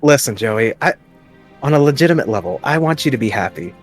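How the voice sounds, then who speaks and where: A man's voice: mid-range voice, lively intonation, a little fast, soft background music. A man playing his character in a tabletop game, coaxing and scheming in a playful way. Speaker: player.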